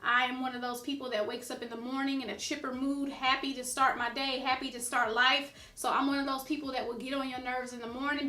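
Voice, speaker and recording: Chatty high-voiced woman vlogger. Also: bright, forceful tone, roomy sound. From United States. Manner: chatty, repeats herself with "you know" and "like". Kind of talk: casual talk to camera.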